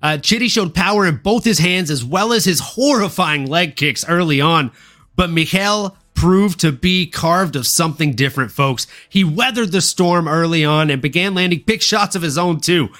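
Speaking at a normal speed in a bright voice on the high side, a man hosts an upbeat sports podcast. He guides fight fans through the card with a casual, slangy showmanship.

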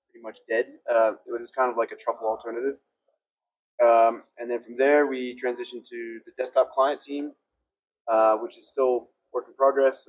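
A man's voice: mid-range voice, low-quality recording. A man, a developer guest, telling his background in a casual, rambling way with wry asides. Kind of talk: podcast interview.

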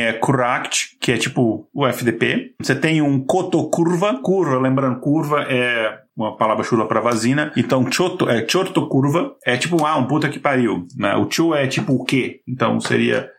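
A man with a Brazilian Portuguese accent talks in a loose, conversational way as a podcast co-host. He explains at length, stumbles through fillers and restarts, and keeps breaking into chuckles. His pitch sits right in the middle for a man. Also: vocal fry. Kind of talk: casual chat.

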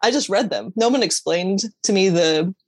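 A woman's voice: medium pitch, lively intonation, normal speed, breathy edge, no echo. A woman in the guest seat tells her personal testimony in a candid, earnest way. She stumbles over her words, restarts her sentences and laughs lightly at herself. Her voice sits in a middle range and is recorded dry and close to the mic. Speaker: interview guest. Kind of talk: personal faith testimony in conversation.

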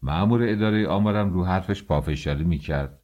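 A man's voice: sits low, muffled recording. A man reading an audiobook aloud, narrating a story and shifting his tone for the quoted characters. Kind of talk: audiobook narration with acted dialogue.

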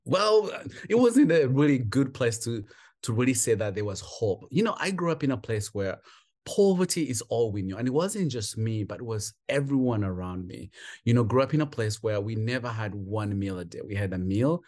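A Ugandan man appears as a podcast guest and foster parent, telling his life story in an interview with emphatic, heartfelt storytelling. His mid-range voice is expressive and darkish, moving at a moderate pace.

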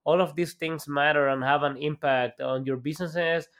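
A man's voice: a little high, steady tone, moderate pace, a bit bright. A man from El Salvador, an entrepreneur guest on a podcast, speaking over a video call with many fillers and restarts. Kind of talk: podcast interview.

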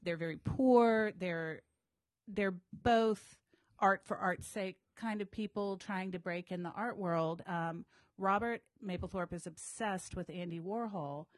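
A woman's voice: medium pitch, measured pace, dry recording. A woman co-hosting a bookshop podcast in casual, conversational talk. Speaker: co-host, bookseller.

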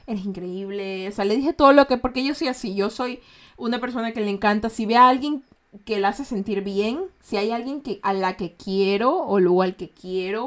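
A young woman chats as a podcast host, bubbling over with enthusiasm. She piles up repeated words and restarts as she gushes. Her voice sits at an ordinary middle pitch. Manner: gushing, enthusiastic, self-interrupting. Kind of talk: casual chat.

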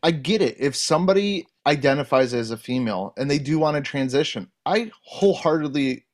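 Male podcast co-host with a slightly high voice; blunt, sweary, emphatic opinions in casual chat. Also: lively intonation, a little fast.

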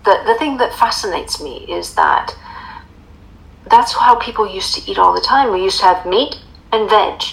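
Gravelly-voiced American woman explaining. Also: mid-range voice, normal speed, rough recording. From United States. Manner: emphatic, rhetorical questions, confident explaining. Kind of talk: casual chat.

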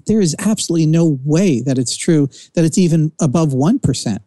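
A man's voice: on the high side, expressive, a little fast, mellow, dry recording. A man with a New Jersey accent hosting a casual talk show, giving rambling, opinionated takes. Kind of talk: casual chat.

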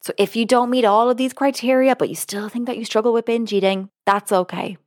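Woman, podcast host, earnest, measured, explanatory monologue. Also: fairly high pitch, steady tone, darkish tone. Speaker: podcast host and binge eating coach.

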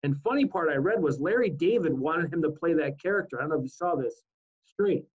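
A man in his forties co-hosting a casual talk show, telling stories in an easygoing way with halting fillers. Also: a little high, animated, slightly rough. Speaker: co-host. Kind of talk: casual chat. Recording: dull lo-fi sound.

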